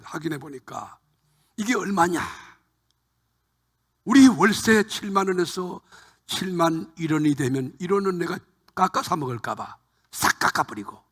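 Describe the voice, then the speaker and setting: Older pastor preaching in an echoey church. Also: male voice, a little high, fairly bright tone. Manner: dramatic storytelling testimony. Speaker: retired senior pastor. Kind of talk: sermon. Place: large church sanctuary.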